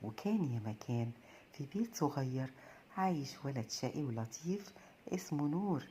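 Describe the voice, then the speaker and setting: A woman with an Egyptian Arabic accent narrates a children's bedtime tale in a gentle storytelling cadence. Her voice sits low for a woman. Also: animated, normal speed, a little hiss or hum.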